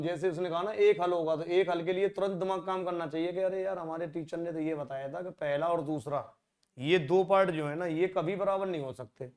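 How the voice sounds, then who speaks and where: A man teaching exam-prep maths in a conversational way, asking rhetorical questions and dropping to a low mutter while he works through sums. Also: darkish tone.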